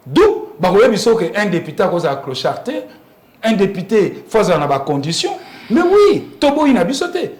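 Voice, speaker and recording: A man with a Congolese accent, appearing as an interview guest, makes emphatic points about politics and often asks rhetorical questions. His voice is high and the sound roomy.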